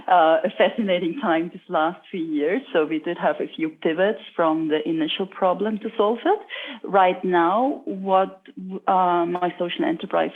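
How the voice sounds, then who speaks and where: A woman speaks with a gravelly, creaky edge to her voice. She answers earnestly and stops often to search for words. The sound is thin and phone-like. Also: lowish voice. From Austria. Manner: earnest, pausing often with fillers. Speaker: guest, social entrepreneur. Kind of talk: reflective interview answers. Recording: tinny phone-like line.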